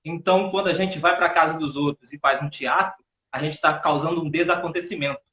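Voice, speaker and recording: This is a bright, forceful, fairly high voice belonging to a man in his thirties with a Northeastern Brazilian accent, steady in tone and fairly quick. As a guest in a relaxed live chat, he tells stories and repeats words while searching for them, all in roomy, dull lo-fi audio.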